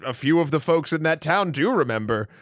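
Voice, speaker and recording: A man's voice: fairly high pitch, animated, a little fast, no echo, studio quality. A man co-hosting a podcast, chiming in with short agreements and offhand opinions in casual film chat. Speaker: podcast co-host.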